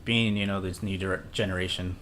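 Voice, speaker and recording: Young man, lowish voice, rambling casual podcast chat, hesitant. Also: steady tone, fairly quick, fairly bright tone, slight background noise. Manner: rambling, hesitant, lots of fillers. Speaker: podcast co-host.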